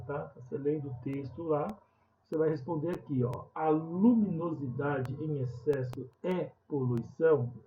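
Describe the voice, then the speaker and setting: A man's voice: a little high, mellow. A man, recording a video lesson and patiently explaining classroom tasks step by step. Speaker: teacher. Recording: echoey room, muffled sound, faint hiss.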